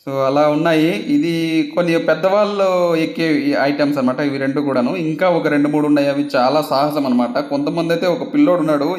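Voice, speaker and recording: A man's voice: on the high side, a little mellow. A man vlogger chatting casually in a voice-over, laughing often and repeating himself. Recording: roomy echo.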